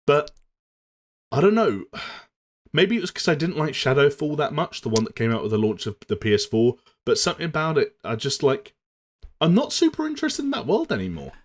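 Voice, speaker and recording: A man's voice: mid-range voice, moderate pace. A young adult man co-hosting a casual gaming chat, talking fluently and steering the conversation with easy segues. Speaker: podcast co-host.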